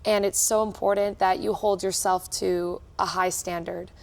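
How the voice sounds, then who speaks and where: A woman's voice: fairly low pitch, little pitch movement, moderate pace, vocal fry, a little mellow. A young adult woman giving casual interview answers as a cruise director, with an upbeat, enthusiastic manner.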